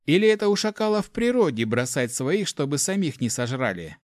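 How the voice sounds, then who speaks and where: A man's voice: fairly high pitch, sing-song, fairly quick, no room sound, studio quality, voice pushed up. A man voicing an angry young male mage in an audiobook, blunt and clipped. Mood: curt. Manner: curt, clipped. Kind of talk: audiobook character voice.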